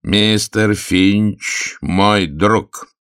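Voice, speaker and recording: A man voicing a self-assured gentleman who speaks calmly and with authority. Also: low voice, dry recording, studio quality. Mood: firm. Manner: calm, measured, commanding.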